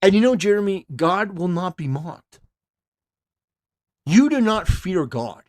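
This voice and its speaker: High-voiced man ranting scornfully. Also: very animated, a little slow, a little mellow. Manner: scornful, confrontational, addresses his target directly. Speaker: host of a live commentary stream. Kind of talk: ranting live commentary.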